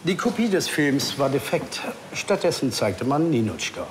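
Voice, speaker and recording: A man's voice: medium pitch, big pitch swings, moderate pace, long reverb tail, slight background noise, natural voice. A man playing a police detective who questions in a probing, ironic, conversational way.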